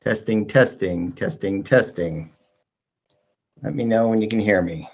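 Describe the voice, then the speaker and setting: A man's voice: lowish voice, measured pace, darkish tone, muffled recording. A man on a video call testing a line that is not coming through, repeatedly checking whether he can be heard. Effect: video call audio. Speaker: planning consultant. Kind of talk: remote public comment.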